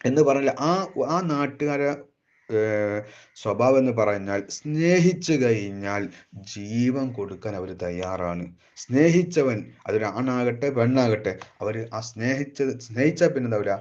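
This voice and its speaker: A man teaching a classical devotional poem line by line, slowly chanting each verse and then explaining it briskly. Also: lowish voice, dark tone, dull audio. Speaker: religious teacher.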